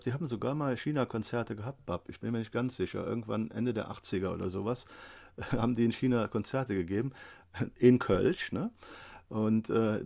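Guest: gravelly, lowish male voice in his fifties, chatty storyteller full of fillers. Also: mellow. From Germany. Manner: rambling storyteller with many fillers and chuckles. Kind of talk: casual chat.

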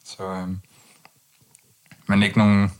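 A young man speaking in a monotone, low-key way with many hesitant restarts, talking candidly as an interview guest. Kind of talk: candid personal conversation.

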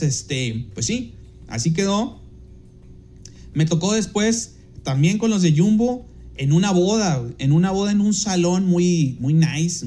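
A man's voice: on the high side, warm tone, slight background noise. A Mexican man, a podcast host and DJ, telling a casual anecdote in a rambling way, with many fillers and restarts, and jumping into livelier voices when he quotes people.

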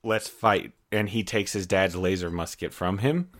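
A man's voice: sits low, animated, moderate pace. Playful man co-hosting a comedy podcast. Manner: playful, giggly, stammering bits. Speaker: podcast co-host. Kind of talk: comedic casual chat.

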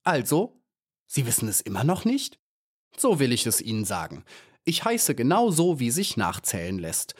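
A man voicing a pompous, self-important little male ladybird poet in a storybook audiobook, with lively pitch. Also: moderate pace. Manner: grandiose, self-important, theatrical.

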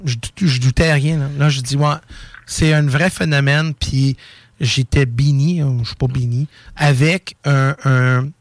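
A man with a Québécois French accent hosting a call-in show, telling a story in an animated, excitable way. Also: mid-range voice, measured pace, no room sound. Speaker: radio show host. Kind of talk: casual storytelling and call-in chat.

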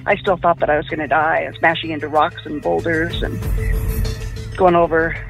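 A woman giving personal testimony about an attack she survived, in a quiet, halting way. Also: sits low, little pitch movement, gravelly. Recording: muffled lo-fi with faint music.

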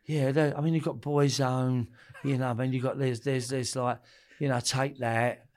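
A man's voice: medium pitch, little pitch movement, normal speed, a little mellow. A middle-aged man with an Essex and East London accent, talking casually as an interview guest, blunt, slangy and sweary as he tells stories. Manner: blunt, slangy and sweary, with repeated tag questions. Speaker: interview guest recalling his past in club door security. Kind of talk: casual conversational storytelling.

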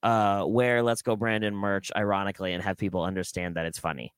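A young man co-hosting a casual comedy podcast, talking in an animated, jokey way with many halting restarts. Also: deep voice, smooth, no room sound. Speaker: podcast co-host.

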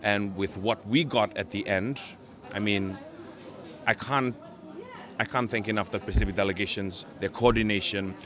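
A man from Fiji, giving earnest interview answers and pausing to search for words. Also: fairly low pitch, sharp tone. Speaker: Pacific island campaigner interviewed at a meeting.

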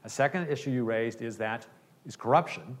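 A man's voice: medium pitch, a little fast. A man who says he is an economist, explaining his view and answering audience questions, often checking in with "okay?". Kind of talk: lecture Q&A.

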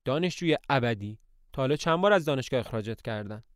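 A man's voice: fairly high pitch, very animated, clean tone, no room sound, clean studio sound. A man reading the lines of an earnest, worried young woman who runs a household and speaks with frustration.

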